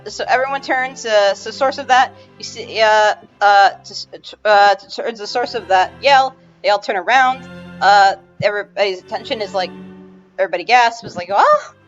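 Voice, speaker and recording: Woman GM, rambling, stop-start delivery, dull lo-fi audio with faint music under it. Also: fairly high pitch. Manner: rambling, halting, many restarts and fillers. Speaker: game master. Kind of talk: narrating a tabletop game.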